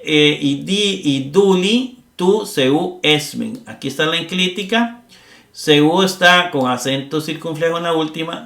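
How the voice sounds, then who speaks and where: In a reverberant classroom lecture, a man walks through a grammar lesson step by step, often checking in with his listeners. His voice is fairly high and gravelly, with a pushed, bright quality.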